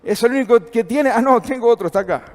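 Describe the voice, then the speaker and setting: High-voiced Argentine man teaching in a hall. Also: quick pace, darkish tone. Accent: Argentine Spanish. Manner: conversational, asks the audience questions. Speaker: seminar teacher. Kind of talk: church seminar teaching.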